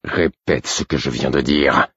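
Gruff stern old stablemaster, man reading him, super deep husky voice. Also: fairly even intonation, fairly quick, no echo, dull audio, exaggerated voice. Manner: curt, gruff.

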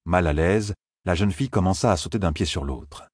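A man's voice: low voice, a little fast, slightly rough, no room sound, studio quality. A man narrating a fantasy novel as an audiobook, reading expressively.

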